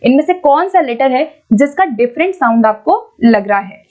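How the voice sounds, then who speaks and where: A woman teaching an exam-prep lesson, patiently explaining and reading English questions out slowly. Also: high-pitched, lively intonation, a little mellow, dull audio. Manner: explains patiently, repeats points, keeps checking with "ठीक है".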